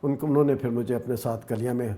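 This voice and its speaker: A man's voice: mid-range voice, steady tone, warm tone. A man in his sixties with a Pakistani Urdu accent, an actor telling his life story as an interview guest.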